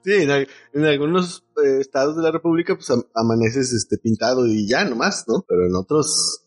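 A man's voice: mid-range voice, animated, moderate pace. A man with a San Luis Potosí Mexican accent hosting a casual podcast chat, joking and dropping slang fillers. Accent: San Luis Potosí Mexican Spanish.

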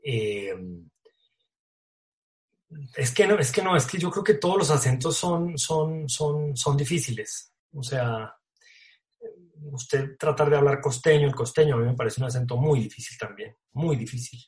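A man's voice: mid-range voice, a little slow, darkish tone. A man from Colombia, an actor talking casually in an interview, full of slang, fillers and restarts.

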